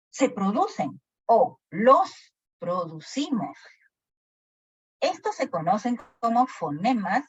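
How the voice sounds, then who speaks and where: Woman teacher, slow talker, keeps quizzing the class, slightly husky, dry muffled audio. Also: medium pitch, no echo. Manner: animated, asks the class questions often. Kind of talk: classroom lecture with questions to students. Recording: dry, dull lo-fi sound.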